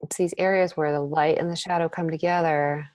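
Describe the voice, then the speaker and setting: Lady with a low voice talking thru a painting demo, breathing heavy, dry close sound. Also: brisk, dry recording. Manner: thinking aloud, relaxed and chatty. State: breathing heavily while painting. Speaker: painting instructor. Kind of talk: live painting demonstration. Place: art studio.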